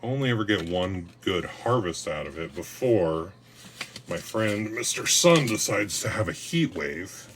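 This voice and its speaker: A man's voice: deep voice, animated, a little slow, a little hiss or hum. A man talking casually through a home gardening vlog, rambling, self-mocking and cracking dad jokes. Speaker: gardening vlogger.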